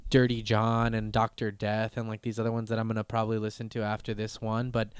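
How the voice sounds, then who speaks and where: A man in his thirties rambles loosely through a podcast chat, full of fillers, restarts and casual swearing. His voice is smooth and clear, at an everyday pitch, and it sounds dry and close on the mic. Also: monotone, quick pace, dry recording. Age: 30s. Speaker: podcast host.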